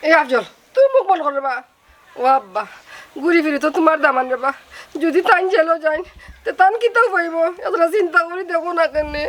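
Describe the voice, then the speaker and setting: A woman's voice: very high-pitched, brisk. An actress with a Sylheti accent playing a wife who coaxes and urges her father to help. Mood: coaxing. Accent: Sylheti Bengali. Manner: coaxing, urging.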